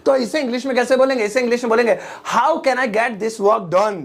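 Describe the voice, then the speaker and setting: A young man with a gravelly, slightly creaky voice leads a casual English lesson. He talks in a chatty, joking way and slips into little family scenes to make his point. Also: very high-pitched, steady tone, a little fast. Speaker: English teacher.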